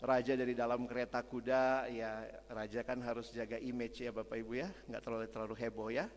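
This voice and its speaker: A man from Makassar preaching a sermon as a lively story, swinging between loud and hushed. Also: mid-range voice, brisk. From Makassar, Indonesia. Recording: long hall reverb.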